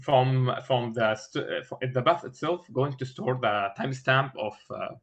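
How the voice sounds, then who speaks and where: A man explaining a technical design as an interview candidate, haltingly, searching for words with many filled pauses and repeated starts. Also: mid-range voice, fairly bright tone, muffled recording. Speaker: engineering candidate in a mock system design interview. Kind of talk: thinking aloud through a technical design explanation.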